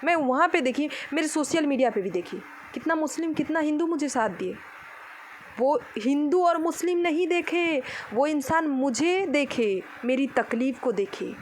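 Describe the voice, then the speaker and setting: Young woman from odisha venting on her vlog outside, high voice, scolding and preachy, faint noise behind. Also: animated, moderate pace, few pauses, poor audio. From Odisha, India. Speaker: vlogger. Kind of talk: impassioned vlog monologue. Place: outdoors.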